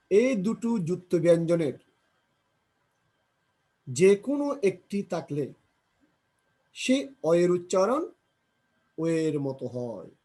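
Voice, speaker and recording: Here a man teaches grammar in a high, somewhat mellow voice. He takes pronunciation drills slowly, says example words again and again, and answers the questions he raises.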